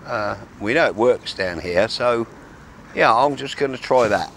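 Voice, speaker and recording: A man with a mid-range, slightly bright voice and lively intonation speaks at a measured pace as he fishes from a grassy riverbank by calm water. He talks casually to camera for his fishing vlog, rambling with fillers and restarts. A camera mic a few metres away catches him, often turned aside, amid slight background noise.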